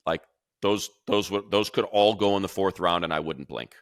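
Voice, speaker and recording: A male radio play-by-play announcer co-hosts a casual football podcast, speaking in a low voice at a normal speed. He is chatty and rattles off long lists of player names. The recording is dry and clean, with studio sound.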